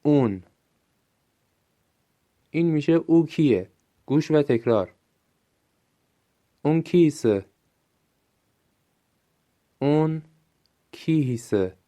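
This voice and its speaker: A man with a Gilaki accent giving a recorded language lesson, saying short phrases slowly and clearly for listeners to repeat. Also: on the high side, expressive, dark tone, dull audio. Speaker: language teacher.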